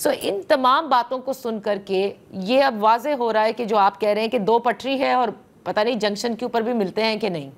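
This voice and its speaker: A woman hosting a political talk show, asking measured questions with frequent hesitations. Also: on the high side.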